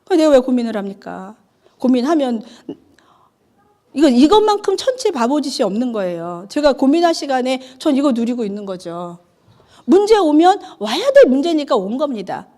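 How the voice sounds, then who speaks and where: Woman evangelist in her 50s, sermon; high, very animated delivery, acts out the dialogue. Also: normal speed. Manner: chatty, asks the congregation questions. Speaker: evangelist preaching.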